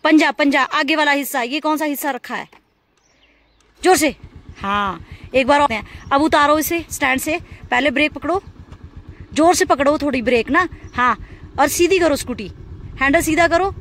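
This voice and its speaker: A woman teaching scooter riding outdoors on a hilly road, giving patient step-by-step instructions and coaxing the rider on with steady praise. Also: sits high, moderate pace, slight background noise. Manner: encouraging, coaxing, repeats cues like "shabash". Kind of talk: hands-on instruction.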